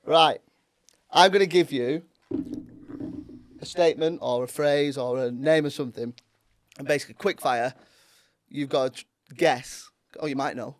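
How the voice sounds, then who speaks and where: A man's voice: mid-range voice, fairly even intonation, normal speed, darkish tone, no echo. Man, Northern English accent, podcast host, jokey, upbeat, dry close sound. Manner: jokey, upbeat, laughs often. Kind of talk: casual chat.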